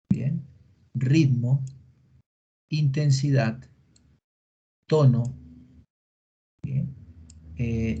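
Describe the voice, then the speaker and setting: A man teaching a veterinary class in an online meeting, explaining step by step, quizzing students and filling pauses with "eh". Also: mid-range voice, creaky, mellow, husky. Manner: explanatory, asks students questions, frequent fillers. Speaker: veterinary lecturer. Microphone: computer mic in a video call. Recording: dull lo-fi meeting recording.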